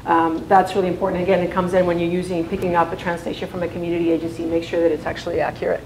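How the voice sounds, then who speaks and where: A lowish, level, slightly mellow voice races through a conference presentation. The speaker is a woman in her thirties, raised in Spain and a native Spanish speaker, chatty and prone to fillers and restarts. The large room is echoey, with a faint hum.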